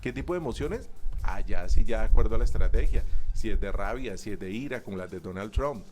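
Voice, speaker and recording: A man talking as a public speaking coach in a conversational interview, animated and acting out quoted voices. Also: on the low side, brisk.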